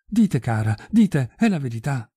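A man's voice: medium pitch, wildly swooping pitch, a little slow, mellow, husky, dry recording, studio quality, exaggerated voice. A man voicing a gushing pious society lady. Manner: effusive and fussy, turning cold and solemn.

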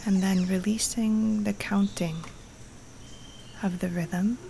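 A woman guiding a relaxation meditation in a soft, breathy, partly whispery voice, calm and soothing, with long pauses. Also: medium pitch, a little hiss or hum. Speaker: yoga nidra teacher guiding a meditation. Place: outdoors or open space in the jungle. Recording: live outdoor recording with jungle wildlife sounds. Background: faint jungle birds and insects.

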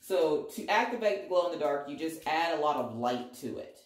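A woman vlogger doing a chatty, excitable unboxing, recorded by phone in a small bathroom with the door closed, so her voice echoes. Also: low voice, a little fast. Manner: excitable, self-deprecating chatter. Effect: echoey bathroom sound. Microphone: phone camera. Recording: echoey bathroom, faint background noise.

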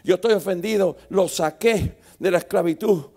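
A man's voice: high-pitched, normal speed, darkish tone. A man voicing an offended, indignant God who is speaking to Moses. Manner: emphatic and aggrieved, repeating his complaint.

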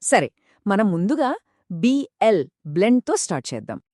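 A woman's voice: medium pitch, very animated, normal speed, a little mellow, no echo, studio quality. A woman co-teaching a scripted pronunciation lesson, encouraging listeners and stressing common mistakes.

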